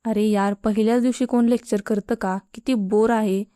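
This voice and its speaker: A woman's voice: fairly high pitch, steady tone, normal speed, warm tone, dry recording, clean studio sound, natural voice. A woman voicing a cheeky, joking young male college student with a flippant way of talking. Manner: teasing, flippant.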